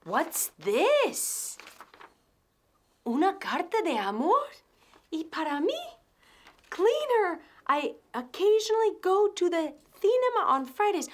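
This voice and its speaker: A bossy, theatrical woman in a TV comedy sketch. Her high voice swoops up and down and she draws out her words slowly. She is haughty and teasing. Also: full character voice. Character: bossy woman with staff, scolding a secret admirer.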